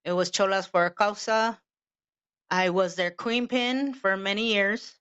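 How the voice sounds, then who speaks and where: On a dull, lo-fi recording, a podcast co-host in her fifties from Los Angeles, California, chats in a relaxed manner and swears casually. Her mid-range voice is smooth and fairly bright, with a steady tone and a slightly slow pace.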